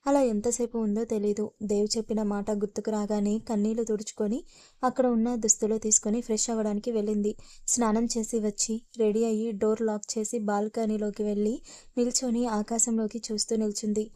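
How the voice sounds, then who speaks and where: A woman storyteller reading a romance story aloud in a steady, even way. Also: mid-range voice, a little fast, no room sound. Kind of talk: story narration.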